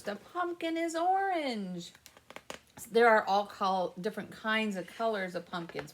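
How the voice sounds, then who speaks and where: Reading to young children at story time, this woman uses a slightly high voice and puts expressive emphasis on the words. She keeps explanations simple and asks her little listeners questions.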